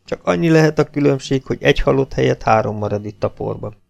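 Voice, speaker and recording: A man narrating an audiobook in a steady, dramatic storytelling manner. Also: mid-range voice, gravelly. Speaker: audiobook reader.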